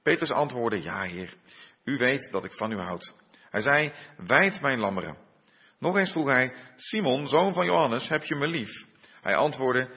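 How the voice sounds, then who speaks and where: A man preaches a sermon, pausing and hesitating as he goes, then reads a Bible passage aloud. His voice is a little husky. He sounds dull and muffled, with a long reverberant tail from the church hall. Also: medium pitch. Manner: unhurried, with frequent hesitations and fillers. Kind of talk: sermon with scripture reading.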